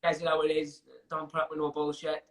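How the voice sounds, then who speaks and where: A man's voice: on the high side, completely flat delivery, fast, fairly bright tone. A young man with a Welsh accent, an MMA fighter chatting in an interview, talking in loose, restarting sentences and laughing through his stories. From Wales. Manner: chatty, frequent restarts and fillers, laughs while telling stories. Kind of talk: casual interview chat.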